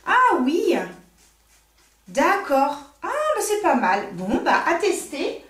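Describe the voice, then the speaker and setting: A woman's voice: very high-pitched, huge pitch swings, slow pace, a bit bright. A French woman and nail technician chatting casually while unboxing, thinking aloud with many fillers. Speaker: nail technician and makeup artist. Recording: roomy echo.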